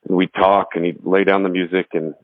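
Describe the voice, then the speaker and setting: With a low, flat delivery and a slightly fast pace, a Texas homeowner who plays music rambles through a ghost story at his house in the woods, often starting over. The recording is dry, with a thin, phone-like tone.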